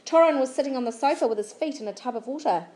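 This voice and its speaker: A woman reading a children's novel aloud in a steady, clear storybook narration. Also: high voice, fast talker, roomy sound. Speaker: audiobook reader.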